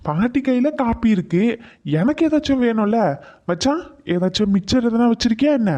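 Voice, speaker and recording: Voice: medium pitch, animated, fairly quick, warm tone, dull audio, natural voice. A performer voicing a sarcastic young man in a cartoon who teases and threatens his friend. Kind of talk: cartoon voice acting.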